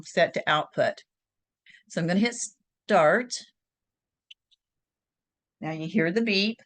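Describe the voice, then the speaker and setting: A woman's voice: on the low side, no echo, poor audio. A woman hosting a crafting tutorial, talking step by step through a screen-share in a chatty, think-aloud way.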